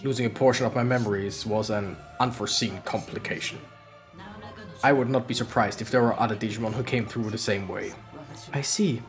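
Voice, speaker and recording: A streamer doing Omnimon, solemn deep-voiced knight. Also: fairly even intonation, soft background music, natural voice. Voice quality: forced deep strained voice. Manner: formal measured explaining. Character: solemn armored knight guardian, grave. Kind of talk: game dialogue read aloud.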